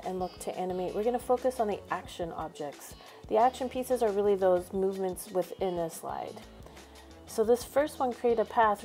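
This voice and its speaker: This is a woman teacher's voice-over on a screencast tutorial. Her medium-pitched voice sounds mellow, though she explains every step with an upbeat manner.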